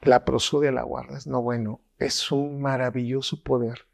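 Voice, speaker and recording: A man's voice: medium pitch, flat delivery, normal speed, vocal fry. A middle-aged man with a Mexican Spanish accent, a neuroscientist explaining things with animation and acting out quoted voices. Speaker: neuroscientist guest. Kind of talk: explanatory interview talk.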